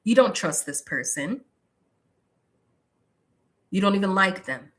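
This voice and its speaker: A woman's voice: mid-range voice, animated, slow pace. A woman giving a live tarot reading, talking straight to the viewer with lots of "like" fillers and firm warnings. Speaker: tarot reader.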